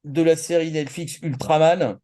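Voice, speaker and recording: A man co-hosts a pop culture show, chatting casually in slang about anime and manga while rambling, hesitating and hunting for words. His warm voice sits on the high side, with fairly even intonation and a normal speed.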